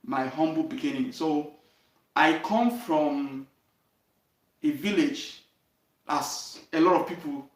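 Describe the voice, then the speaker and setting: A young man with a Nigerian accent tells his own story straight to his viewers. His voice sits slightly high and his delivery is earnest, dotted with "okay?" and "you understand?". He sounds set back from the mic in a roomy, echoing space. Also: slow pace, pauses often. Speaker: channel host. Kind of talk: direct-to-camera life story talk. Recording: roomy echo, voice from a distance.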